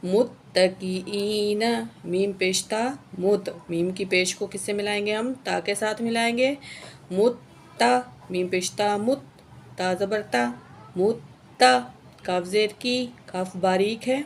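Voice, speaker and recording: A woman's voice: mid-range voice, fairly even intonation, a little hiss or hum. Woman teaching Quran recitation word by word. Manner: spells out letters and vowel marks, then recites each word slowly and drawn out; often adds a checking "okay" after each rule.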